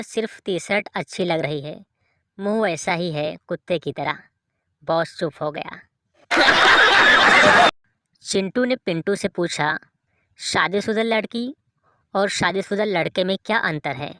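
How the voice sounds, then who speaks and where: A woman reading short jokes aloud in an even storytelling delivery, as a dry close voice-over. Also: lowish voice, dry recording. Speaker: joke reader.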